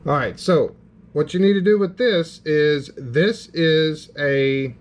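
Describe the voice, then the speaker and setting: A man's voice: on the high side, slow, a little hiss or hum. A man with a Southern US accent talking casually through a step-by-step tech tutorial, full of ums and restarts. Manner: rambling, filler-heavy, step-by-step narration. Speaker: game hardware reviewer. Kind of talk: casual screen-recorded tutorial.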